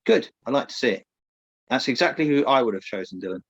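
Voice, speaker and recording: A man's voice: medium pitch, lively intonation, fast talker, slightly rough, no echo. Teasing man on a lo-fi call. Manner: chatty, teasing, laughs often. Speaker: podcast co-host. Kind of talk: casual football chat. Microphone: video call.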